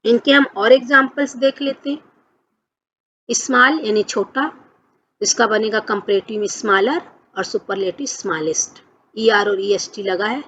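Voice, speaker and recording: A woman teacher giving a grammar lesson, who explains patiently, asks and answers her own questions, and reads example sentences slowly. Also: mid-range voice, a bit bright. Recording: dull lo-fi recording with faint noise.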